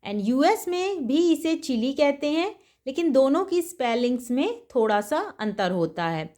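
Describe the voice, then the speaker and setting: A woman from India teaching children vegetable names, repeating each word slowly and carefully to show pronunciation. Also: sits high, big pitch swings, a little mellow. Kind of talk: vocabulary lesson for children.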